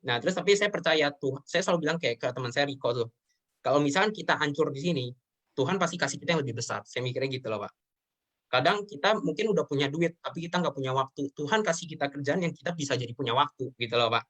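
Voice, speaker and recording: Fast-talking earnest young man. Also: a little high, lively intonation, fairly bright tone. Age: 20s. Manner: emotional, repeatedly addressing the host as sir. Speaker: guest. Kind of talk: earnest personal talk in an interview.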